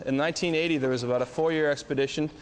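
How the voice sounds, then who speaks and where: A man's voice: on the high side, fairly even intonation, rapid-fire. A man guiding visitors through sea caves, explaining informally and matter-of-factly, with cave echo on his voice. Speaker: sea cave tour guide. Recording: long cave echo, faint noise.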